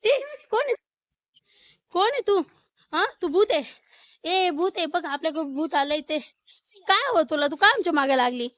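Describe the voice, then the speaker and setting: Woman, very high voice, dry close sound, family skit, coaxing and urgent. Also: expressive, moderate pace, no echo, lo-fi sound. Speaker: sister-in-law in a family skit.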